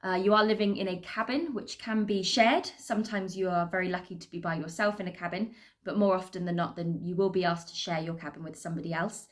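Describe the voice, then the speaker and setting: A woman's voice: lowish voice, steady tone, quick pace. A British woman talking informally to camera as a cruise entertainer, in an upbeat, chatty and articulate manner. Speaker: assistant cruise director and entertainer. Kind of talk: informal career talk to camera.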